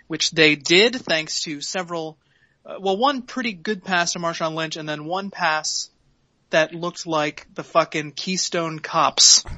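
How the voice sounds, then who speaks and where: A man hosting a casual sports podcast, recapping plays in quick, wry detail. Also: fairly high pitch, sharp tone, no room sound, highs cut off. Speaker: podcast host.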